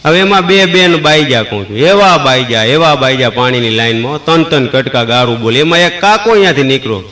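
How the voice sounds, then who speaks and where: In a brisk, expressive, mid-range voice with a sharp edge, this comedian delivers a folksy joke-telling monologue in a Kathiyawadi Gujarati accent. He voices the characters, breaks into snatches of procession songs, and chuckles at his own punchlines.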